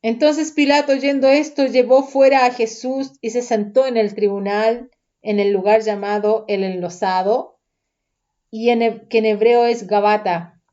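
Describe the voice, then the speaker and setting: A woman reading scripture aloud, calm, deliberate and even. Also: fairly high pitch, highs cut off. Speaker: Bible reader.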